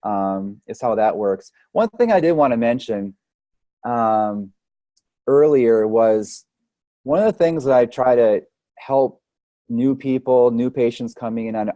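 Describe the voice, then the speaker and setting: Speaking at a measured pace, this man has a medium-pitched, warm voice, and there is no echo. He is a chiropractic or holistic health practitioner who talks conversationally as a podcast interview guest, using analogies and frequently adding "right?"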